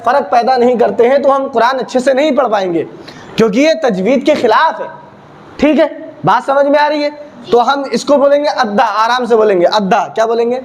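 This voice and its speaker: A man's voice: extremely high pitch, lo-fi sound, slight background noise. A man teaching a recitation lesson, drilling with repeated questions and answers and exaggerating heavy and thin sounds to show the difference. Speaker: religious teacher.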